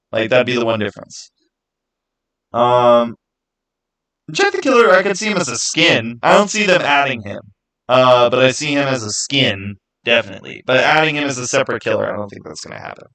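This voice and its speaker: Recorded in low quality, a man with a medium-pitched, fairly bright voice hosts casual gaming commentary without a script. He states his views emphatically, repeating phrases to underline them.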